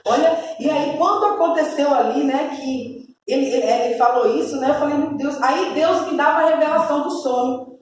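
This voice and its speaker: A woman's voice: high voice, fairly quick. Woman preacher telling her dream all fervent, super echoey church, mic way off, faint hiss. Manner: fervent storytelling. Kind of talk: testimony sermon. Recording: echoey room, distant mic, faint noise.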